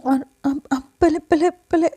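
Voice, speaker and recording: A woman voicing a gentle mother soothing her upset daughter, coaxing with repeated words. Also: high-pitched, fairly even intonation, unhurried, voice pushed up.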